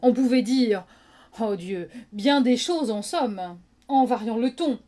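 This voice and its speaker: Woman playing hammy, slow, proud stage Cyrano. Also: on the high side, expressive, dark tone. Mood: haughty, provoking. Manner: hammy stage acting, declamatory, with drawn-out words. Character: proud, witty swordsman Cyrano mocking an insult with flourish. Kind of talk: theatrical recitation of classic French verse monologue.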